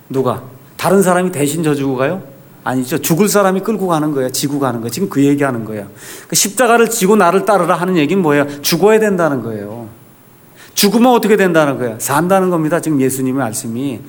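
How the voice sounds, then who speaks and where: A man preaching a Bible sermon, reading scripture slowly and questioning his listeners. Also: fairly high pitch. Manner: asks the congregation questions and answers them; reads scripture slowly and deliberately. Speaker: pastor.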